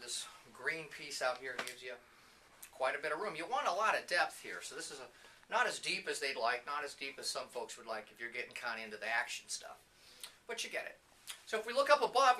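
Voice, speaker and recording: A man with a slightly high, sharp-toned voice casually narrates a walking tour, informal and off the cuff. He's the CEO and presenter of a training company, showing people around a video production facility indoors. Light background noise and room ambience are audible.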